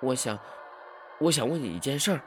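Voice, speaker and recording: A man voicing a frightened, hesitant young man in a storybook tale, speaking in a hushed and halting way. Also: mid-range voice, expressive, slight background noise, close to an everyday voice. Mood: hesitant, scared.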